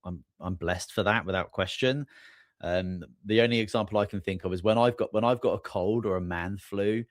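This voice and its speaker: A man in his forties hosting a podcast, relaxed and friendly, with plenty of fillers. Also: lowish voice, normal speed, no echo, studio quality. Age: 40s. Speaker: podcast host. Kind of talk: podcast conversation.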